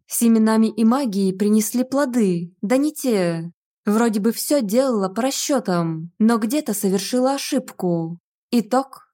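A woman narrating a first-person fantasy audiobook with lively storytelling. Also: medium pitch.

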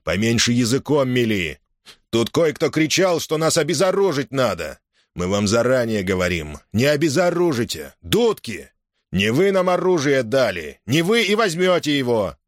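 A man reading an audiobook, voicing a fiery young frontline soldier who addresses a crowd with loud, forceful oratory. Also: mid-range voice, big pitch swings, normal speed, no room sound, studio quality, voice pushed up, natural voice. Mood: defiant.

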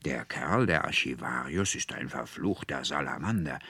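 A man's voice: a bass voice, animated, normal speed, pushed and bright, breathy edge, no echo, heavily acted. A man voicing a tipsy middle-aged male clerk who talks in a boisterous, blustering way in a read-aloud story.

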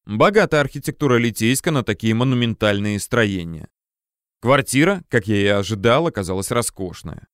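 A man's voice: lowish voice, lively intonation, normal speed, clear, resonant tone, no echo. Man narrating an audiobook, dry close sound. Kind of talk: first-person audiobook narration.

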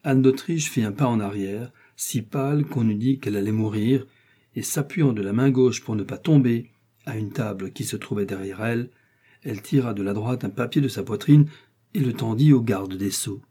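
Mellow, husky male storyteller. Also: medium pitch. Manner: measured, storytelling. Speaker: audiobook narrator. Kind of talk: scripted narration of a classic novel.

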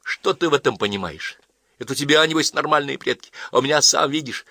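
A man reading an audiobook voices an angry, tearful teenage girl in high, shrill outbursts. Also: fast, sharp tone, dry recording, clean studio sound. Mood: agitated chatter.

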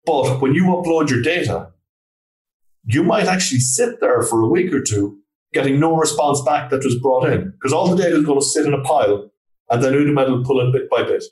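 A man's voice: mid-range voice, brisk, a little mellow, distant mic. Roomy-sounding man with west of Ireland accent. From Galway, Ireland. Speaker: trainer and consultant, interview guest. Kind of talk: conversational interview answers.

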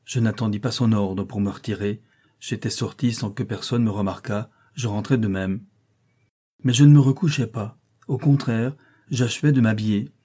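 A man reading a classic novel aloud in measured, dramatic scripted narration. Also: lowish voice, steady tone, dark tone, breathy edge. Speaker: audiobook narrator.

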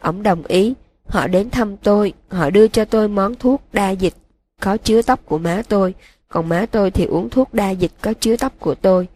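A woman reading a broken young wizard's flat confession. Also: medium pitch, moderate pace, lightly acted. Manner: flat, emotionless monotone. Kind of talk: audiobook reading.

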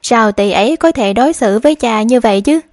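A woman's voice: fairly high pitch, lively intonation, brisk, dry recording, clean studio sound, close to an everyday voice. Proud, hot-headed young master, read by a woman: curt and commanding. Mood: angry. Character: hot-tempered young nobleman, boy, proud.

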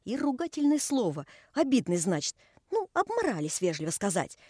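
A woman's voice: on the high side, huge pitch swings, normal speed, a little mellow, breathy edge, no room sound, clean studio sound, exaggerated voice. A woman voicing a pious old male carpenter who scolds and tells long folksy stories. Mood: reminiscing. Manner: folksy, chiding.

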